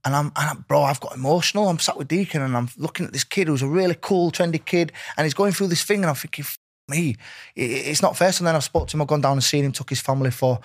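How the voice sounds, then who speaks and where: A man's voice: a little high, fast, no echo, clean studio sound. A man chatting casually as a podcast guest, earnest, rambling and matey. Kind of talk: casual chat.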